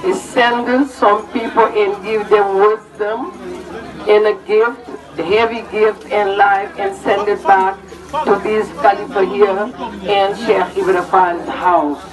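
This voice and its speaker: A woman's voice: mid-range voice, fairly even intonation, slow pace. Senegalese woman interpreting, distant mic. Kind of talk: interpreting a religious address. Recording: distant mic with crowd behind.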